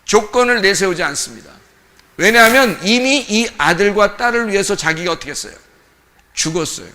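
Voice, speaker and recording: A male pastor preaching a lively, conversational sermon, acting out voices as he goes. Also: high voice. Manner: animated, acts out parents' voices, conversational. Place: church sanctuary. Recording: church hall reverb.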